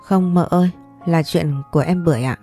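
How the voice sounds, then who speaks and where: A woman voicing a timid young servant girl who pleads softly in a story reading. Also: fairly low pitch, fairly quick, faint music behind.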